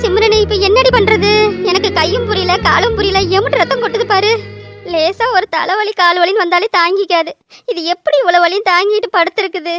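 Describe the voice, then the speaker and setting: A woman's voice: extremely high pitch, brisk, music in the background. A woman voicing a distraught, fiercely protective young village wife, wailing and scolding. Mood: despairing. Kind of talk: cartoon voice acting.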